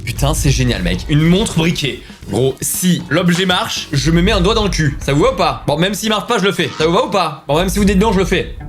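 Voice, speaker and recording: A young man testing gadgets for his vlog in a small studio, hyper and crude, joking constantly and yelping in excitement. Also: high-pitched, brisk, few pauses, faint music behind. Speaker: YouTuber.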